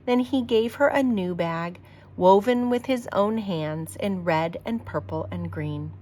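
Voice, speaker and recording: Reading a picture book to children like a teacher, this woman speaks a little slowly in a mid-range voice, putting expressive emphasis on the words for her young audience.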